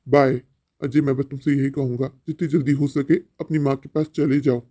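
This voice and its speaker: A man voicing an older male professor who gives calm advice. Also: medium pitch, moderate pace, voice pushed down, close to an everyday voice. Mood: hurried. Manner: calm, advising.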